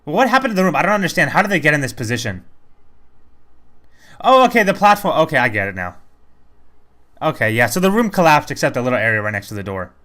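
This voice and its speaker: A man's voice: fairly high pitch, very animated, fast, pauses often, bright, forceful tone. A man giving casual, rambling commentary over a video game playthrough, chatty and self-critical. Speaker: let's play commentator.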